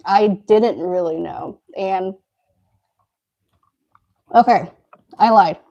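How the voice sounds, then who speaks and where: A woman's voice: mid-range voice, extremely slow, dark tone, dull audio. A woman co-hosting a casual live stream, telling a story while eating and laughing often. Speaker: co-host.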